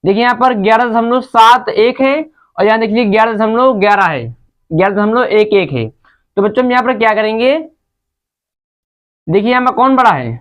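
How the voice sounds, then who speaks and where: A woman's voice: on the high side, moderate pace. A woman teaching a maths lesson to children, patient and step by step, often calling out to the kids. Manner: patient, repeatedly addresses the children.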